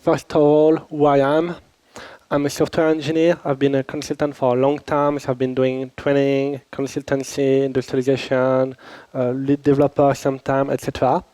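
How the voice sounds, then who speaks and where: A French-accented instructor living in Switzerland runs a casual conference workshop and asks the room questions, a little under the weather from a cold. His mid-range voice is dark and clean, with little pitch movement, at a moderate pace. Captured via handheld or lapel mic, there's no echo.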